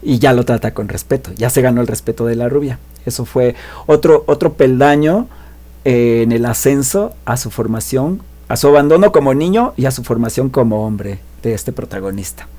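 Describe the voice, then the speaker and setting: A man's voice: medium pitch, normal speed. Chatty man retelling a story. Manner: chatty, animated, frequent tag questions. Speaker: literature video host.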